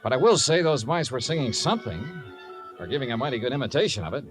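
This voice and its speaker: A man's voice: mid-range voice, very animated, fast talker, faint music behind, lightly acted. An actor playing a wry, skeptical male investigator with a wisecracking manner, in 1950s radio drama on a vintage broadcast. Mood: wry narration. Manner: dry, wisecracking. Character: wry, skeptical male insurance investigator narrating his case.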